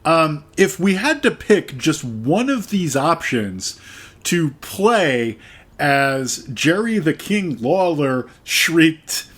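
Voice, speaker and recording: Male co-host, unhurried dry delivery, pitch that rises and falls a lot. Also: big pitch swings, fairly bright tone. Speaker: podcast co-host. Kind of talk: casual chat.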